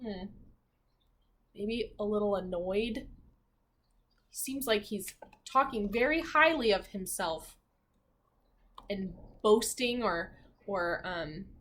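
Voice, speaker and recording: A female teacher reads a children's storybook aloud with expression, stopping now and then to ask her listeners simple questions. Her voice is mid-range and a bit bright.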